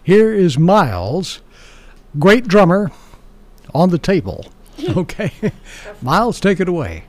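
A man's voice: high voice, very animated, slow, pauses often, a little hiss or hum. A man hosting a live local talk radio show, chatting with guests and callers. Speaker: radio host.

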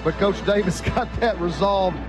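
A man's voice: high voice, normal speed, music in the background. An American man giving conversational game analysis as a sports commentator.

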